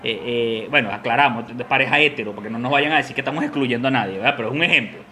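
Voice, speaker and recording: A man's voice: mid-range voice, very fast, pushed and bright, a little hiss or hum. A man with a Venezuelan accent co-hosting a casual chat, telling stories and acting out voices, laughing often. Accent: Venezuelan Spanish. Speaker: podcast co-host.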